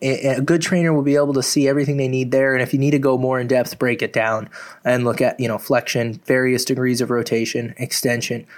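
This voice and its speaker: A man's voice: medium pitch, flat delivery, quick pace. A man, a fitness coach, giving casual advice in a chatty way, full of fillers and casual swearing. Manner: chatty, lots of "like" and "you know", swears casually.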